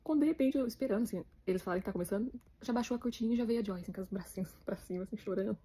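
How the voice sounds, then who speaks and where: Rapid-talking Brazilian woman vlogger. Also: medium pitch, mellow, breathy edge. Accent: Brazilian Portuguese. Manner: rapid, chatty, emotional retelling. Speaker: vlogger, new mother. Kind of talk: casual storytelling to viewers.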